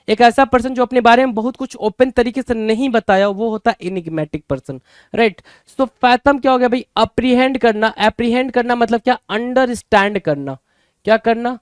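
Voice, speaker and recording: A man's voice: very high-pitched, normal speed, smooth, dry recording, studio quality. A man teaching vocabulary for an exam-prep lesson with an Indian English accent, repeating words and posing rhetorical questions to his students. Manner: repetitive, rhetorical questions, addresses students as "bhai".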